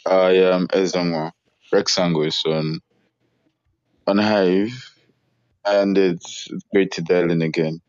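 A man's voice: low-pitched, steady tone, takes it slowly, pauses often, darkish tone, no echo. A man who just woke up, speaking in a drowsy, laid-back way in a book club voice chat. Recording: dry lo-fi voice chat audio.

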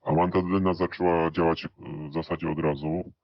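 Man with a deep pitch-shifted disguise. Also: flat delivery, dry recording. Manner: hesitant, with many drawn-out "e" fillers. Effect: voice pitched down electronically to disguise it. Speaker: interview guest. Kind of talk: recorded interview answers. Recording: dull, muffled lo-fi audio.

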